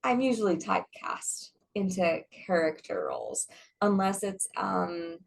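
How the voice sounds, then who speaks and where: A young adult actress chatting casually in an interview, rambling with many restarts and frequent laughs. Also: female voice, medium pitch, wildly swooping pitch, a little slow, creaky, slight background noise. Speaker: guest, stage actress.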